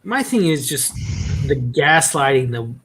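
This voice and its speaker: A man chatting casually and giving his opinions, haltingly searching for words as he goes. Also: mid-range voice, big pitch swings, fairly bright tone, husky.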